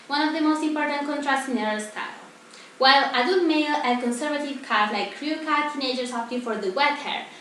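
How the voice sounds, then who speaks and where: This scripted mock TV broadcast is hosted by a young woman, a teenager or young adult, who sounds like a student presenter. Her voice has a fairly high pitch and fairly bright tone. The recording is very echoey, with a distant mic and faint noise.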